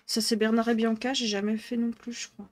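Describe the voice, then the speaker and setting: A woman's voice: fairly high pitch, little pitch movement, fairly quick. A woman with a northern French accent streaming live, chatting casually and thinking aloud as she colours, laughing often. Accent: northern French (ch'ti).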